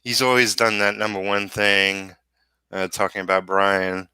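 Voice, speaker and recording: A man's voice: lowish voice, completely flat delivery, measured pace, sharp tone, smooth, no room sound. A man with a Brooklyn accent chatting casually as a livestream co-host and reading out viewer comments. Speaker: show co-host.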